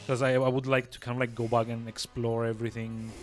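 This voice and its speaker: A man's voice: mid-range voice, level tone, fast, soft background music. A man giving casual let's play commentary, musing aloud and repeating words as he thinks. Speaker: video game player and commentator.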